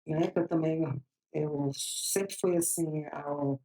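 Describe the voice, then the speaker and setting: Her voice is low, mellow and steady, though the audio is poor. She's a fifty-something woman from Bahia, Brazil, recounting her story as an interview guest with a Bahian accent, full of chatter, frequent laughter and long, slow phrases.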